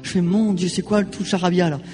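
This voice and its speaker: Brief: high-pitched male pastor, animated storyteller, church reverb, faint music behind. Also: quick pace. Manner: animated storytelling, acting out quoted voices. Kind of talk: sermon with personal anecdote.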